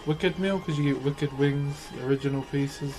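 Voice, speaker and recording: A man's voice: fairly high pitch, fairly even intonation, moderate pace, darkish tone, faint music behind, rough recording. A man with a broad New Zealand accent chats casually on a livestream as he works, in a laid-back, slangy, matey way. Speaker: livestream host. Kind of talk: casual livestream chat while working.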